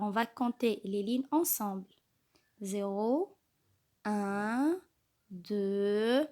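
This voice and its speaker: A woman teaching a kindergarten reading lesson, slowly and carefully sounding out each letter and syllable. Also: a little high. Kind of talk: slow scripted reading lesson.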